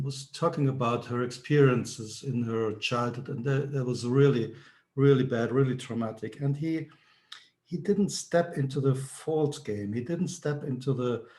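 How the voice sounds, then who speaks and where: Slow, word-searching man trainer; mellow voice with roomy echo. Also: mid-range voice. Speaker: nonviolent communication trainer. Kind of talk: personal reflection in a group call. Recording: echoey room.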